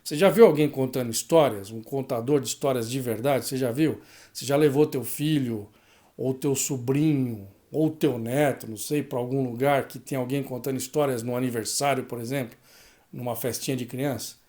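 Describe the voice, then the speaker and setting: A man's voice: medium pitch, fairly even intonation, moderate pace, warm tone. A man from Brazil, a sports narration teacher, giving a casual spoken lesson and checking in with the listener through frequent tag questions.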